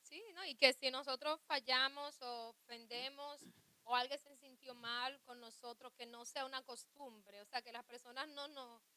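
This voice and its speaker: Woman radio co-host, clear resonant voice, high and bright, chatty about faith. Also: steady tone, moderate pace. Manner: chatty, reflective, laughs often.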